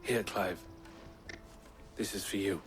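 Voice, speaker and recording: A composed, friendly smuggler in a video game, on the low side. He speaks calmly and evenly, with a faint guitar-like score behind. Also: takes it slowly. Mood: wry, friendly. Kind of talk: video game drama acting.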